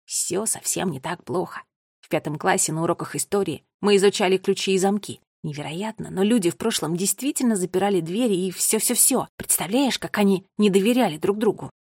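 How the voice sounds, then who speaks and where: A woman doing Finn, a hushed brash boy. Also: mid-range voice, a little fast, husky, no echo, clean studio sound. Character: boy sibling, brash, defensive, boastful.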